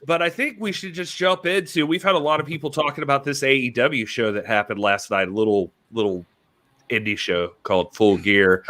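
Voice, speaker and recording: A man's voice: medium pitch, sharp tone. A man co-hosting a wrestling talk podcast, chatting casually, joking and reading viewer messages aloud. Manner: joking, conversational, reads chat messages aloud. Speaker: podcast co-host. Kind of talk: casual chat.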